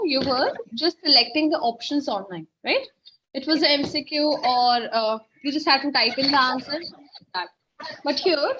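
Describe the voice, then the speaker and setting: A woman's voice: high-pitched, fairly bright tone, slight background noise. A woman teaching French on an online webinar, explaining step by step and often checking "okay?". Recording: dull, lo-fi webinar audio.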